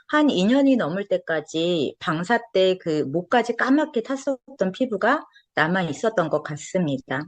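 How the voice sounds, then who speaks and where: A woman's voice: mid-range voice, no echo. A woman in her forties giving an earnest testimonial talk as a lecturer, recorded close and dry. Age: 40s. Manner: earnest, storytelling.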